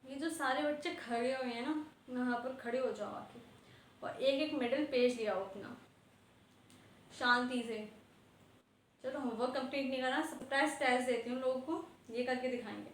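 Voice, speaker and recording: A woman's voice: high voice, fairly even intonation, moderate pace. A woman schoolteacher scolding her class in a stern tone, mixing in English words. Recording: echoey classroom, faint background noise.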